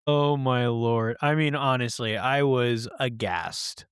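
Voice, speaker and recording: A man's voice: medium pitch, slow, smooth, no echo, clean studio sound. Jokey rambling male podcast co-host. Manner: rambling, jokey, with mock-pompous asides. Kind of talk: casual podcast banter.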